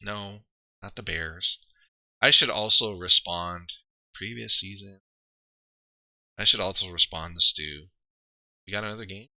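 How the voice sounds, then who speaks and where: A man's voice: low-pitched, measured pace, pauses often, pushed and bright, no echo. A man streaming live, rambling casually to his viewers, trailing off and poking fun at himself. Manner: rambling, self-deprecating, trails off and restarts.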